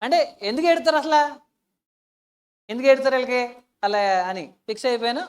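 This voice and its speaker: A woman with a somewhat high voice preaches a sermon built on personal stories. She talks earnestly and emotionally, asks her listeners questions, and swings between soft, hushed passages and loud outbursts. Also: expressive, brisk, clean tone.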